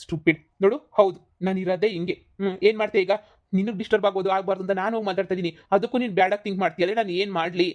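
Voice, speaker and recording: A woman's voice: medium pitch, fairly even intonation, lightly acted. A woman doing a scolding short-tempered husband. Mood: angry. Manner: scolding, rapid, repeats insults. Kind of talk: cartoon comedy voice acting.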